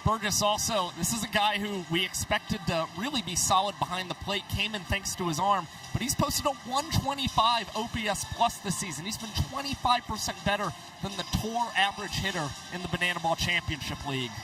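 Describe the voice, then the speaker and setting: A man's voice: high voice, brisk, far from the mic, noisy background. A man giving analytical baseball commentary in full, flowing sentences on a broadcast.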